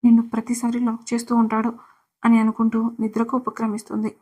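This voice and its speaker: A woman's voice: on the high side, monotone, quick pace, warm tone. A woman narrating a serialized romance story, reading every character's lines in much the same voice.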